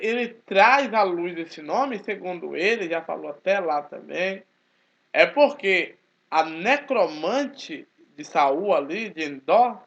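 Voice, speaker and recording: A man, talking casually to his channel in a forceful, emphatic way. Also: high-pitched. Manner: speaks forcefully, animated and emphatic. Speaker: channel host, Baptist churchgoer. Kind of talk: casual spoken commentary. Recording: dull lo-fi recording.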